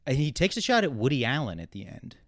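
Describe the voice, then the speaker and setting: A man's voice: mid-range voice, sing-song, fast, no room sound. A man hosting a casual comedy podcast, ranting in a sarcastic and profane way. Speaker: podcast host.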